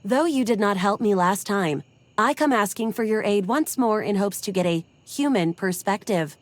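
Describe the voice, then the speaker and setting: A woman's voice: medium pitch, expressive, normal speed, natural voice. A woman voicing a robotic female smart-speaker assistant in a video game, with formal, stiff, robot-like phrasing.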